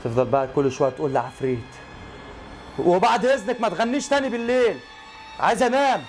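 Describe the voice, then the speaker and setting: Brief: man doing a worn-out, irritable Egyptian dad, high for a man, quick talker. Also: animated, faint music behind. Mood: irritated. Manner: irritated, scolding, dismissive. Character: tired, grumpy working father.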